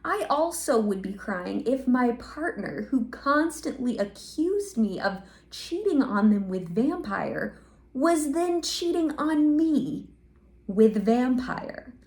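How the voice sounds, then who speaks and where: A woman hosting a comedic reaction video, talking in a sarcastic, animated way. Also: fairly high pitch, slow. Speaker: video host. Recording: roomy echo.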